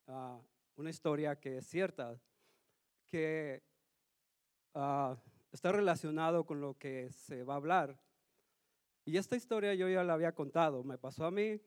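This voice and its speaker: A man's voice: on the high side, a little mellow, smooth, no room sound. A man giving a sermon as a guest preacher in a church, telling a personal story in an earnest, slightly nervous way. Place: church hall.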